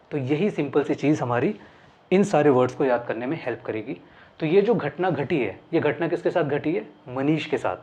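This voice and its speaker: This Hindi lesson on mnemonics comes from a man whose voice is a little high with a darkish tone. He works through English vocabulary step by step, asking questions and then supplying the answers. The sound is dull and lo-fi.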